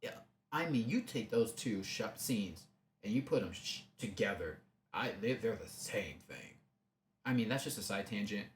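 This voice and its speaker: A man's voice: fairly low pitch, animated, moderate pace. Sarcastic young man ranting in echoey room. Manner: sarcastic, rambling with restarts. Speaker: movie reviewer. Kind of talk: casual movie review rant. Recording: echoey room, faint hum.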